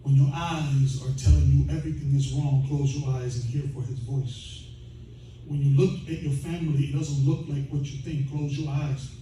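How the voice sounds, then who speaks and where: Man preaching, slow delivery, joking and animated, very echoey hall. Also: medium pitch, far from the mic, a little hiss or hum. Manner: animated and joking, breaks into shouts and laughter. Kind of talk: bilingual sermon. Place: church sanctuary.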